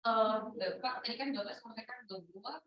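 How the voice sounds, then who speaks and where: A woman's voice: a little high, moderate pace. Woman asking a question in an echoey hall. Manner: polite, hesitant. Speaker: audience member asking a question. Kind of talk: polite question to a speaker. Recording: echoey hall, dull lo-fi sound.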